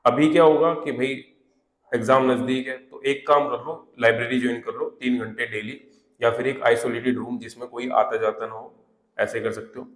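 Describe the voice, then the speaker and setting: A man giving exam preparation tips in a casual, conversational way, often adding little check-in fillers. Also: medium pitch. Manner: conversational, repeats fillers like "theek hai" and "hai na"; reads English notes aloud slowly, word by word. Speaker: exam prep teacher. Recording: echoey room.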